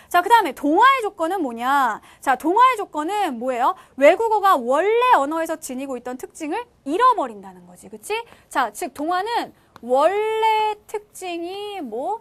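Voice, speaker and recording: A woman lectures her students in a lively, sing-song way, her high voice swooping up and down. She keeps tossing questions to the class and answering them herself. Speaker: teacher.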